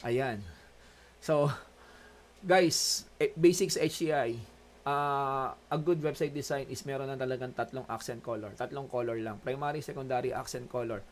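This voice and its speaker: A man's voice: mid-range voice, moderate pace, a little hiss or hum. A man with a Filipino accent giving an online class lecture as a college instructor, joking and chatty as he switches between Tagalog and English. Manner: joking, chatty Taglish teaching.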